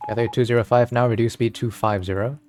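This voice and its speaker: A man's voice: medium pitch, steady tone, fast talker, music in the background. A man acting as air traffic controller, giving clipped radio instructions to pilots.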